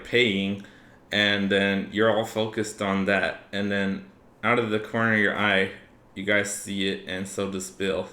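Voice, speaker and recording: A man's voice: lowish voice, pushed and bright. A man acting as game master, narrating a tabletop fantasy game casually. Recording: roomy, echoing room.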